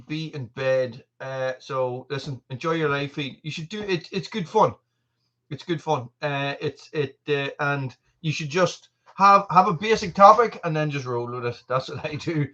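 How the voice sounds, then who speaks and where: A man in his forties with an Irish accent talks casually to his live-stream viewers. He rambles and restarts his sentences, and his voice sits a little high. The sound is muffled and lo-fi. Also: pushed and bright. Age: 40s. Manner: rambling, with many fillers and restarts. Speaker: channel host.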